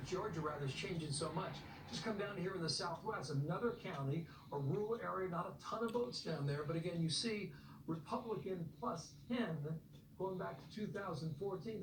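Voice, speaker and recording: A man's voice: high-pitched, reverberant, far from the mic, background noise. An American man explaining voting figures as an analyst in a live news segment. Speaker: election analyst.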